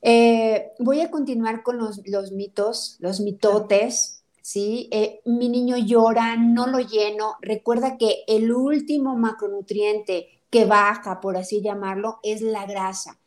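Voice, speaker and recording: A woman's voice: mid-range voice, fairly even intonation, slow, few pauses. A woman who advises on breastfeeding and parenting, explaining things directly and busting common myths in conversation. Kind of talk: informative conversation.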